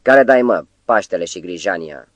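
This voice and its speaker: A man voicing a coarse, shouting man woken roughly on a night train. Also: sits low, lively intonation, dry recording. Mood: angry shouting.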